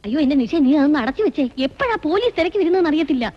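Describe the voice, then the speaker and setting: A woman's voice: high-pitched, lively intonation, very fast. An actress playing a cheeky young woman con artist, chatty and teasing in manner. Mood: scheming. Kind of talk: film acting. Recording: dull lo-fi film audio.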